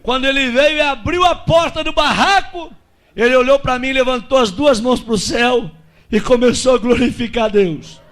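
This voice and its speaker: A Brazilian man preaching as a pastor, telling a testimony with lively acted-out dialogue and shouted peaks. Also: very high-pitched, normal speed. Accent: Brazilian Portuguese. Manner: animated storyteller acting out dialogue, shouting at peaks.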